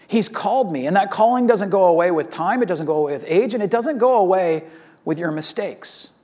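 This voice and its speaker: A man's voice: sits high, expressive, brisk, dark tone. A man in his thirties, a pastor delivering a conversational sermon, telling stories animatedly and often asking "right?".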